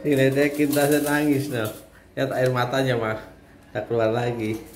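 Young dad, playful and teasing, mid-pitched voice; recorded indoors at home in a roomy, echoey space with faint hiss. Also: male voice, flat delivery, normal speed. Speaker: father filming family vlog. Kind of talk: teasing casual family chat. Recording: echoey home room with faint background noise.

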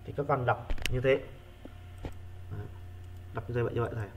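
A male primary school teacher giving an online reading lesson, repeating key words slowly for his pupils. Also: medium pitch, fairly even intonation, a little hiss or hum.

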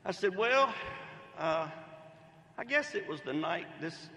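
A man's voice: sits high, expressive, slow, bright, forceful tone, slight background noise. An older man giving a folksy commencement speech at a podium, telling anecdotes. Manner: folksy, storytelling, Southern phrasing. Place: large outdoor commencement ceremony. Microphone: podium microphone. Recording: echoey reverberant venue sound.

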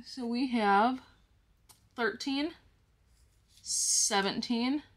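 In her budgeting vlog, a woman with a slightly high voice draws out her words. She casually explains each step to viewers, counting money aloud along the way.

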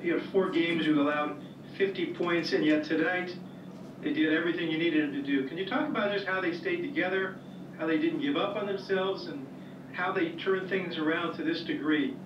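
A man's voice: on the high side, normal speed, distant mic. A man, a reporter asking the coach a long, pointed question over a video call. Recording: dull, roomy call audio played in a noisy room.

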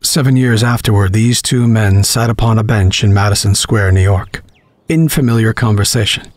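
A man narrating a horror story, reading in a measured, dramatic way. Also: lowish voice, no room sound.

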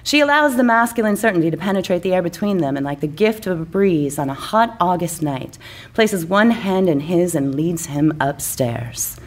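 Reading her own comic tale as narrator for a live comedy story night, a woman uses a lowish voice, speaking animatedly at normal speed. The scripted piece is florid and mock-serious, playing at romance.

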